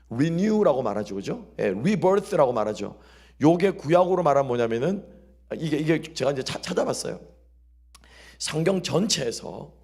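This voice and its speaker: A male pastor preaches a sermon, his voice slightly high and a little husky. He keeps asking the congregation questions and drops into soft, quiet asides. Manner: call-and-response questioning of the congregation. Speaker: senior pastor.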